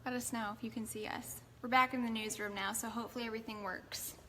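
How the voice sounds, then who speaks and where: An easygoing woman morning host, her voice sitting a little high for a woman. She chats casually and organizes her crew. A long echo trails her words, with steady room noise from the large newsroom behind her. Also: fast talker. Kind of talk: casual off-air chat. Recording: reverberant newsroom with background noise.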